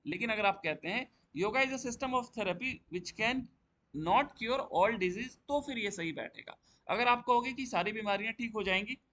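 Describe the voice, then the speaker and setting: A man tutoring for a yoga exam, asking questions and answering them himself and reading English lines slowly. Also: high voice, pushed and bright, a little hiss or hum. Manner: explains step by step, asking and answering his own questions. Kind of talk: classroom-style lecture.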